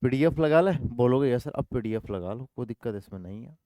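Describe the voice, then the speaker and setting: Male math teacher, call-and-response style, repetitive, smooth clear voice, dry close sound. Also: mid-range voice, animated, brisk, dark tone, no echo. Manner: repetitive call-and-response, puts answers in students' mouths; affectionate coaxing, calls students 'my dear brother'. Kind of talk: online exam-prep math lesson.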